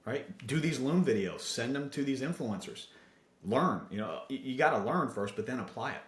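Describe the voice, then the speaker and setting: A man talking as a podcast guest, telling stories and giving motivational advice with energy. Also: medium pitch. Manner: energetic storyteller, motivational, fast asides. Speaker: podcast guest, digital marketing agency owner. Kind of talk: casual interview chat. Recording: roomy echo.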